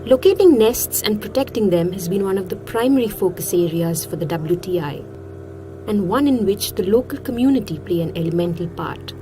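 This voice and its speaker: A woman's voice: mid-range voice, expressive, a little fast, background noise. A woman reading scripted narration for a nature documentary, as its narrator.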